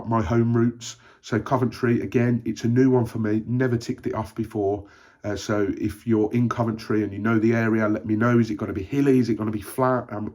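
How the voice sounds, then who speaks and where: Brief: young Birmingham-accented man, low-pitched, chatty vlogger, encouraging, fillers. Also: dark tone. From Birmingham, England. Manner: chatty and encouraging, frequent ums and uhs. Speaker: running vlogger. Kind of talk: casual vlog talk to camera.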